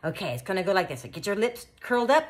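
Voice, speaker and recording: A woman teaching children beatboxing in an animated, encouraging way, full of praise. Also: medium pitch, fast talker, very noisy. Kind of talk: children's tutorial.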